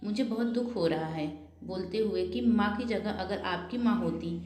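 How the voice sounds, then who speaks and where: A woman doing a devoted adult daughter who is firm but polite and turns reproachful when she scolds. Her voice sits at a middle pitch. The sound has room echo. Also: moderate pace, darkish tone, close to an everyday voice. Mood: earnest.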